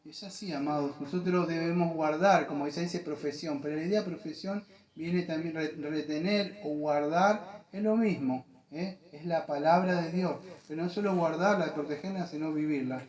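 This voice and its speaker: A man preaching in Argentine Spanish with an earnest, repetitive delivery, his voice sitting a bit higher than most men's. The room around him is echoey, like a church hall. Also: normal speed, darkish tone. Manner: earnest, repetitive, addresses listeners as "amado". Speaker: pastor. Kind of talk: sermon.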